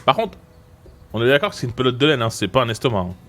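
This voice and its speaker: A joking male streamer with a Marseille accent, chatting casually over his game with a lively, swooping voice. Faint music runs in the background of the stream. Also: medium pitch, quick pace. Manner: joking, laughs often. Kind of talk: casual gameplay commentary.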